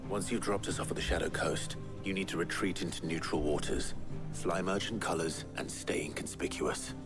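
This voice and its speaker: Deep-voiced warrior leader. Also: male voice, fairly even intonation, normal speed, gravelly. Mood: grave, commanding. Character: grave, commanding adult male fantasy warrior leader. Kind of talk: dramatic video game acting. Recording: game music playing behind the voice.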